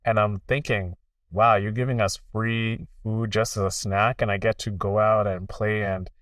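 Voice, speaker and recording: A young man raised in Canada hosts a podcast in a relaxed, easy way, leaning on "like" fillers as he relates to his guest. His voice sits low, and he sounds a bit away from the mic in a dry, dead room. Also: normal speed, no echo, distant mic. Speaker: podcast host. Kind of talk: casual interview conversation.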